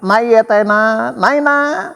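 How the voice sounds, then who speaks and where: A man voicing a flustered middle-aged husband who speaks in a hushed, anxious, pleading way. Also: extremely high pitch, a little slow, gravelly, pitched above the performer's own voice, heavily acted. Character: flustered middle-aged henpecked office clerk. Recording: long reverb.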